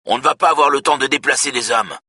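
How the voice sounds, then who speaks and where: Brief: a man voicing a stressed police commander, raised pitch, urgent, barking orders. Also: fast, sharp tone, breathy edge, dry recording, full character voice.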